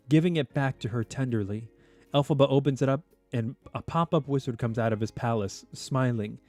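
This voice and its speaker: A man reading a screenplay aloud, adding animated, chatty asides and commentary. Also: medium pitch.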